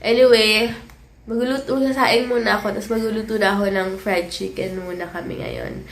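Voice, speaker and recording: A woman's voice: medium pitch, steady tone, brisk, gravelly, rough recording. A young woman with a stuffy cold, chatting casually at home while cooking, rambling and laughing often. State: congested with a cold. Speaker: vlogger. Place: home kitchen.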